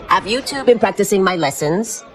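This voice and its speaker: A woman's voice: medium pitch, expressive, a little fast, faint music behind, some chatter behind, lightly acted. An actress playing a stern, motherly older tavern keeper and mentor in a video game, firm and affectionately scolding. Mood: fond. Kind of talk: video game cutscene acting.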